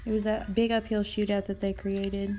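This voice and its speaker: Soft background music plays as a woman gives casual live commentary on a mobile game she's streaming late at night. She rambles, swears occasionally, and sounds tired, her mellow, medium-pitched voice moving at normal speed with little rise or fall.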